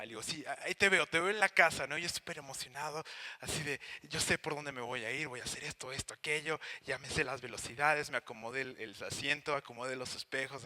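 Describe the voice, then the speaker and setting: A man's voice: medium pitch, pushed and bright, in a large hall. A young man with a Mexican accent preaching a sermon, telling a personal story with acted-out voices and sound effects. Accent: Mexican Spanish. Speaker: pastor.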